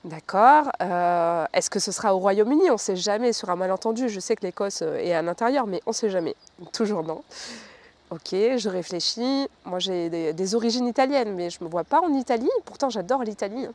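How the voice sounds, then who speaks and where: Woman from France, 30s, relaxed chatty vlogger telling a personal story, often hesitant, speaks softly at times. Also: fairly quick. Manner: chatty, many fillers, lowers her voice at times. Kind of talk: casual storytelling to camera.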